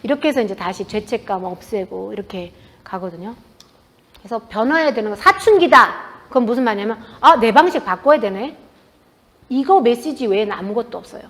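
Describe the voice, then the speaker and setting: A woman author giving a talk to an audience in a bookstore, telling stories in a lively way and acting out what people said. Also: a little high. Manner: lively storytelling, acting out quoted dialogue. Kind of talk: public book talk to an audience. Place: bookstore event space.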